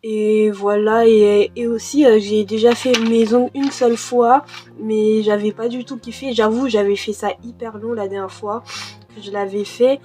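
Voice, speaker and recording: A young woman who is a YouTuber, born in Cameroon and raised in France, chats in a home vlog while doing her nails, hesitating with lots of fillers and restarts. Her voice runs on the high side and is mellow, with little pitch movement and a normal speed. Soft background music plays under her desk mic.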